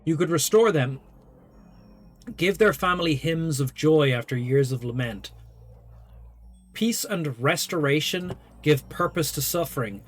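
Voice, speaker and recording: A man's voice: on the high side, animated, unhurried, pauses often. A man hosting a game playthrough, reading narration and dialogue choices aloud as he plays. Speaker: let's play host.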